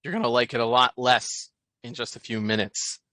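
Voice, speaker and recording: A man voicing a menacing, taunting toy knight with a low, gravelly vigilante-style growl. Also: moderate pace, bright, forceful tone, dry recording, lightly acted. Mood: threatening. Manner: confrontational, taunting, slangy.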